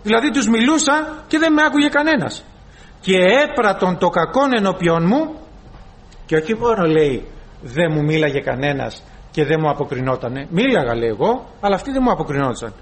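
High-voiced preacher acting out scripture. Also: male voice, sing-song. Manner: dramatic, quotes and acts out dialogue, swings loud to soft. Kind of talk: sermon.

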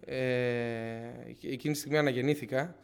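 A man's voice: mid-range voice, fairly even intonation, clear, resonant tone. A young man tells his congregation a personal faith testimony in an earnest, searching way. He circles back, restarts phrases and keeps retelling his own words as he goes. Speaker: church member giving testimony.

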